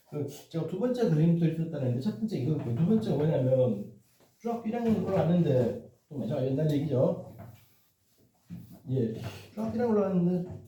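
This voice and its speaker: In a casual, rambling math lesson, a man with a mellow voice on the high side explains things, checks in with his listeners and makes self-deprecating jokes, repeating "이렇게" and "그죠?". The sound is echoey and dull because the mic is distant.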